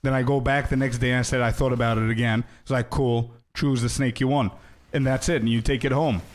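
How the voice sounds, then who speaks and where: A young man chats briskly with his stream audience while gaming, loose and talkative, calling people "bro" and veering into tangents. His middle-pitched voice keeps a fairly even intonation.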